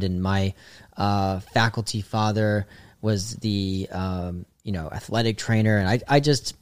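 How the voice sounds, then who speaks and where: A man's voice: fairly low pitch, a little mellow, no room sound. A young man from the Boston suburbs, a guest telling stories in a rambling, filler-heavy casual chat. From Boston suburbs, USA. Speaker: guest, comedian.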